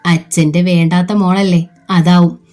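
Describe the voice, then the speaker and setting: A woman's voice: lowish voice, level tone, measured pace, a little mellow, close to an everyday voice. Woman reading as an indignant young sister-in-law.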